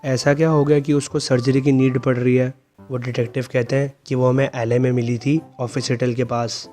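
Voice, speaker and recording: A man's voice: medium pitch, little pitch movement, moderate pace, mellow, soft background music. A man narrating a story recap in a plain storytelling manner.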